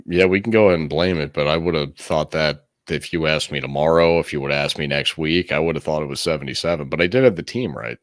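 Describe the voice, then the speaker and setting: A man's voice: extremely low pitch, fast talker, few pauses, no room sound, clean studio sound. A man co-hosting a casual sports podcast, rambling and swearing, often correcting himself mid-sentence. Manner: rambling, profane, self-correcting. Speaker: podcast co-host.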